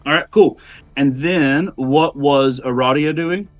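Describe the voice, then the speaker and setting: A man running a tabletop game as game master, easygoing and quick to laugh. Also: a little high, no room sound. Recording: dull dry sound, faint music.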